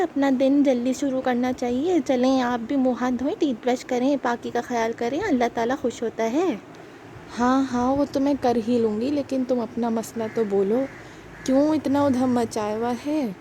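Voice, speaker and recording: A woman's voice: normal speed, dark tone, a little hiss or hum, lightly acted. A woman voicing a drowsy, teasing older sister doll in a children's puppet show. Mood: sleepy. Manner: drowsy, mocking, lower-voiced.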